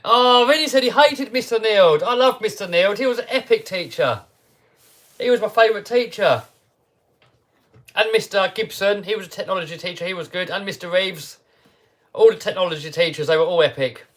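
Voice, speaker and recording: Guy doing a live q&a, laid back, laughs a lot, bit higher pitched. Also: moderate pace, fairly bright tone. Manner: chatty and easygoing, laughs often, reads chat questions aloud. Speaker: livestream host answering viewer questions. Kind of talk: casual live chat.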